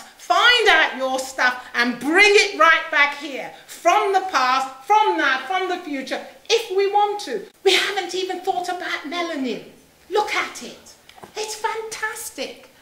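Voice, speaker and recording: A middle-aged woman, born in Saint Kitts in the Caribbean and moved to England at seven, gives an impassioned talk to an audience in an indoor room. Her high, bright, forceful voice hammers points home with repetition and rhetorical questions. The live recording sounds roomy, with a noticeable echo.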